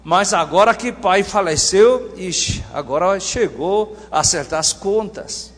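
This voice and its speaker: Male preacher, high animated voice, keeps quizzing the congregation, echoing church hall. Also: unhurried. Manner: animated, questions the audience often. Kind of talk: sermon with congregational Bible reading.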